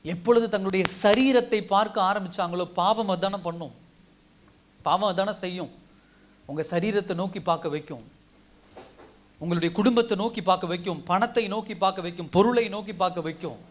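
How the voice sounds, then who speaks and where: High-pitched male pastor, exhorting sermon delivery with repeated phrases. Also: fairly quick. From India. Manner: exhorting, repetitive preaching cadence. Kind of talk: Tamil sermon.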